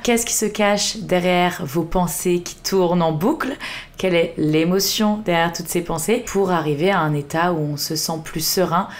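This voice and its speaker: Woman, slightly low voice, soft and measured wellness coach, talks straight to camera in a calm vlog.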